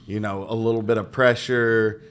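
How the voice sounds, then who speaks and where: A man with a low voice hosts a casual conversation. He talks in a relaxed, agreeable way, adding short stories and prompting his guest. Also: moderate pace, clean tone. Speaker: host. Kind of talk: casual chat.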